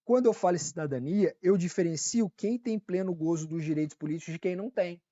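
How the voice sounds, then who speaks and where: A fast-talking man with a high, mellow voice is heard in a dry recording with the highs cut off. With a Brazilian Portuguese accent, the law teacher gives a relaxed online exam-prep lecture, hammering key points, checking in often and correcting slips as he goes.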